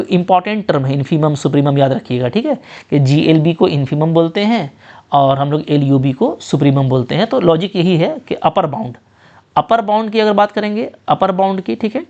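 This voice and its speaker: A man teaching an exam-prep math lecture with an Indian English accent, often repeating short check phrases and slowing sharply when he reads out definitions. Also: on the high side, darkish tone, lo-fi sound.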